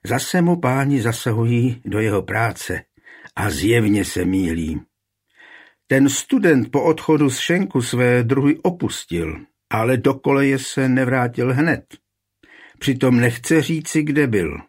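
A man's voice: medium pitch, animated, slightly rough, voice pushed up. A man voicing a smug, easily offended town reeve in a historical storybook reading. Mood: smug, indignant.

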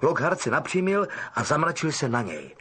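A male audiobook narrator reads the story with expressive storytelling. His voice is husky, and his pitch moves lively through each sentence. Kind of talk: scripted narration.

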